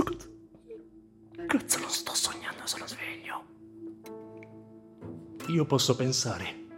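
A man playing a maimed, desperate young soldier. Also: medium pitch. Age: young adult. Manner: swings between anguished cries, whispers and numb calm. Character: maimed young soldier, deaf, blind, trapped in his body. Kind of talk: dramatic monologue.

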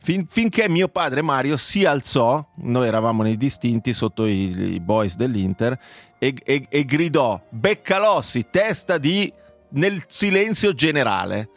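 A man's voice: medium pitch, unhurried, dry recording, faint music behind. A man, hosting a casual talk show and telling anecdotes with theatrical flair. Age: 50s. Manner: animated storyteller, theatrical retelling of anecdotes. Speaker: radio host. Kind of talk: casual studio chat.

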